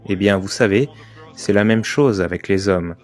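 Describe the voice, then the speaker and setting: A man's voice: on the low side, moderate pace, faint music behind. A man giving a dubbed first-person motivational talk, telling his story earnestly with emphatic turns. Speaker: voice-over narrator of a motivational speech.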